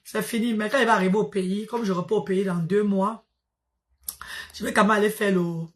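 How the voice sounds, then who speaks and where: A woman's voice: medium pitch, fairly even intonation, brisk. A tired woman hosting a casual live stream, greeting her viewers one by one and fondly calling them mother and sister. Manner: affectionate, calls viewers maman and sister.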